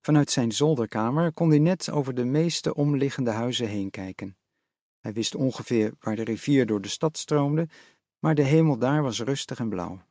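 A male audiobook narrator with a measured, even storytelling delivery. His voice sits in a middle register with a gravelly grain. The recording is dry and close, with no room sound. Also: medium pitch, no echo.

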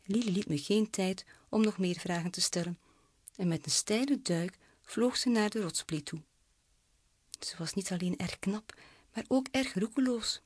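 A woman narrating a children's storybook with lively storytelling. Her voice is husky and breathy. The recording is close and dry, with no room sound. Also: on the low side, normal speed, dry recording. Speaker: audiobook narrator. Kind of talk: storybook narration in first person.

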